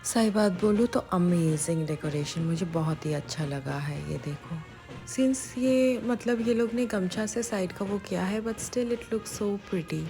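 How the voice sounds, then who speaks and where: A woman's voice: medium pitch, measured pace, warm tone, faint music behind. A woman from India narrating a vlog in a casual, chatty way, switching between Hindi and English. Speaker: vlogger.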